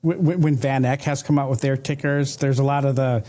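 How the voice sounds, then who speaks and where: A man's voice: medium pitch, fairly even intonation, fairly quick, warm tone. A man hosting a podcast interview, asking questions in a casual way with many fillers. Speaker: podcast host.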